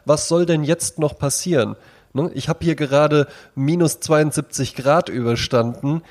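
A man's voice: fairly high pitch, a little slow, a little mellow. Reflective man in casual podcast chat. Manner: reflective, often adds tag questions. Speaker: podcast co-host.

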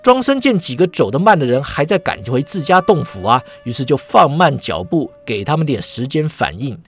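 A man's voice: medium pitch, sing-song, normal speed, soft background music. A man narrating a serialized martial-arts story with a dramatic telling.

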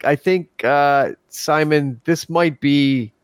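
A man's voice: fairly high pitch, takes it slowly, smooth, no echo. A man hosting a podcast in casual chat, telling stories with frequent laughs and fillers. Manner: chatty storyteller, laughs often, many fillers. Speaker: podcast host.

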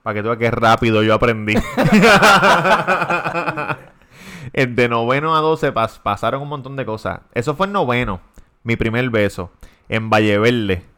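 Laughing Puerto Rican storyteller, clear voice. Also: male voice, medium pitch, expressive, measured pace, sharp tone. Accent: Puerto Rican Spanish. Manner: storytelling, swears freely, laughs often. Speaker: podcast host. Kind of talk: casual podcast chat.

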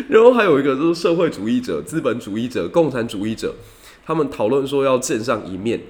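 A man's voice: mid-range voice, big pitch swings, quick pace, a little mellow, a little hiss or hum. A man, a professor hosting his own channel, talking casually and retelling jokes with voiced quotes. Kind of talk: casual commentary and joke-telling.

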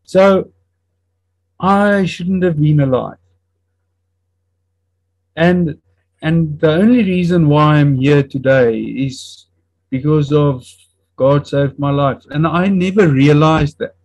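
An interview guest in his fifties, a native Afrikaans speaker with an Afrikaans accent, earnestly and reflectively recounts a personal testimony. He speaks haltingly, often hunting for words and starting over, in a fairly high-pitched, darkish voice. The audio is poor and the recording is dry.

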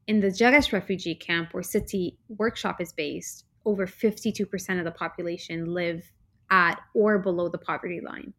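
A woman's voice: fairly low pitch, fairly even intonation, normal speed, a bit bright. A woman who grew up in Canada, a social enterprise co-founder, giving earnest, reflective interview answers and searching for her words.

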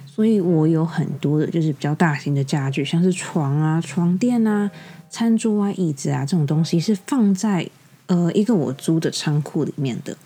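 A young woman with a Taiwanese Mandarin accent, hosting a podcast and telling a story in an exasperated, lively way. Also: low-pitched, moderate pace. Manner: exasperated, animated retelling with quoted dialogue. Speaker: podcast host. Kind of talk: casual storytelling monologue. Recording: soft music bed behind. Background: faint background music.

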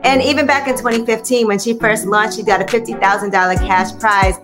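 A woman host talks in an upbeat, conversational way. Music plays clearly behind her voice. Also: medium pitch, steady tone, fairly quick. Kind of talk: radio show chat.

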